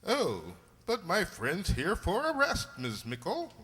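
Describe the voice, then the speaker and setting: A man playing a genteel, opinionated doctor and loyal companion, polite and expressive, in a radio drama. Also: high-pitched, takes it slowly, exaggerated voice. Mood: protesting. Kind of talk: amateur radio drama acting. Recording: long hall-like reverb.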